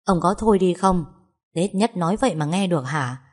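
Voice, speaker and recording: A woman's voice: fairly low pitch, expressive, fairly quick, darkish tone. A woman voicing a distressed middle-aged wife who scolds and pleads with her husband in an audio story. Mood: upset.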